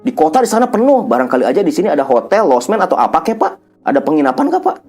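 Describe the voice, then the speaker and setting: A man's voice: on the high side, very animated, quick pace, a little mellow, faint music behind, voice pushed down. A man voicing a lost young traveler speaking Indonesian, asking questions politely and nervously. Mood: pleading.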